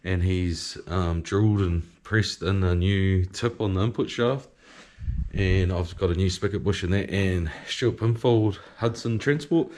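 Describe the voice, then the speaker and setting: A man with a broad New Zealand accent, a vlogger who drives drift cars, records a casual video diary full of slang and swearing. His voice is low with a darkish tone, and he speaks in an unhurried, laid-back way.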